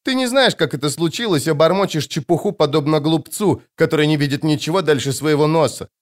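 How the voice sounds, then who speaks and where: A strange, precocious little girl speaks with cool contempt in a high, bright voice. Her words come out calm and certain, as a male reader puts her on. It sounds like a storybook reading. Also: fairly quick, close to an everyday voice. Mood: scornful. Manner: calm, scornful, matter-of-fact. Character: eerie small girl, cold and precocious.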